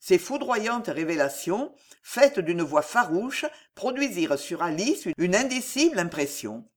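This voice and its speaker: A French-accented man narrating a historical novel with theatrical expression. His pitch moves lively and animated through the sentences. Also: measured pace. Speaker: audiobook narrator. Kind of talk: dramatic literary narration.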